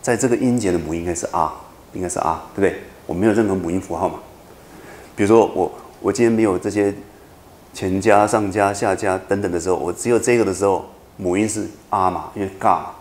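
A low-pitched, slightly mellow man talks fast while teaching a university class, yet stays patient, repeating points and regularly checking comprehension. The sound is roomy.

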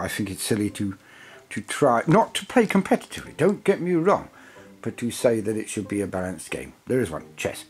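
Rambling man, lively pitch. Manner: rambling and digressive, self-described waffler. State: tired. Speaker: hobby channel host reviewing a game book. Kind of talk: casual chat.

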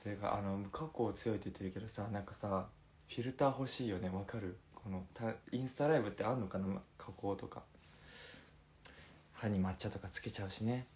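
A young man in his twenties chats casually on a phone livestream, playful and giggly as he answers comments. His voice sits a little low for a man. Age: 20s. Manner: playful and chatty, giggles between remarks. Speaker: livestream host.

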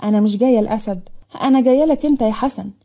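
A woman's voice: on the high side, racing, dark tone, natural voice. A woman voicing a sensible young Egyptian woman. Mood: reasoning.

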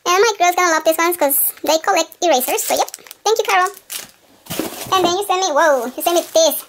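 A woman hosting a craft channel, excitedly unboxing a gift box at home and gushing over each item with many exclamations. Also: extremely high pitch, brisk, slight background noise. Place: at home at a table.

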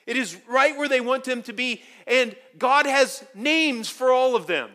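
A man preaching a sermon as pastor, telling stories with animated swings from quiet asides to loud emphasis. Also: very high voice, measured pace. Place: church sanctuary.

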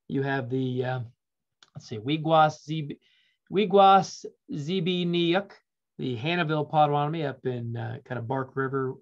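A man, teaching an online language class. He drills vocabulary slowly and repeats it, then adds relaxed, joking asides. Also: a little high. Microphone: video call. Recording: dull lo-fi video call audio.

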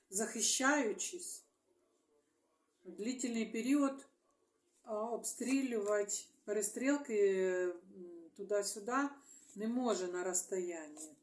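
Ukrainian tarot lady talking to herself on video, lots of pauses and mm-hms, mid pitch, echoey room. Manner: halting, thinking aloud, mumbled agreements. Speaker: tarot reader. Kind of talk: solo video monologue.

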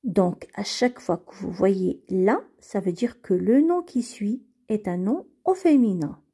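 A woman's voice: medium pitch, expressive, unhurried, mellow, slightly rough. A woman teaching beginners to read French, patiently repeating and spelling out each word. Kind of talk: slow reading lesson for beginners.

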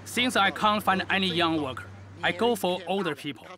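A man speaks matter-of-factly in a translated interview. His voice is high, and crowd noise sits clearly behind him. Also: moderate pace.

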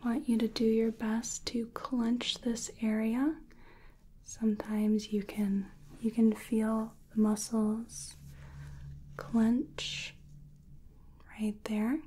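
A woman in her twenties in a whispered role-play as a soothing clinician, giving slow, breathy relaxation instructions up close. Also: fairly high pitch, little pitch movement, dark tone, a little hiss or hum. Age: 20s. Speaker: ASMR performer playing a sleep clinician.

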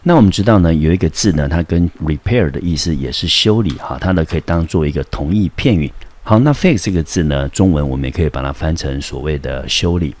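A male teacher with a Taiwanese Mandarin accent walks students through English vocabulary and grammar. His voice sits extremely low and deep. He explains patiently, pausing to pose rhetorical questions before he answers them. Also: expressive, a little mellow. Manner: slow, careful explanations with frequent rhetorical questions. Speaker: high school English teacher. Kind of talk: recorded vocabulary lesson.

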